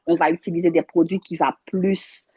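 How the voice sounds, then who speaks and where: A mother speaks earnestly, restarting her sentences as she goes. Her voice is low, mellow and a little husky, and the sound is dry with no room echo. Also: steady tone, moderate pace. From Haiti. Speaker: workshop participant, a mother. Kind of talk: personal story on a video call.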